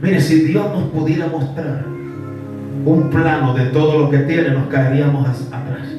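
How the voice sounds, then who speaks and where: Male pastor, high voice, fervent sermon, distant in a big echoing church with music playing. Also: steady tone, unhurried, muffled recording. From Colombia. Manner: fervent preaching, swings from low intimate to shouted calls. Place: church sanctuary. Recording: echoey church from far off with music.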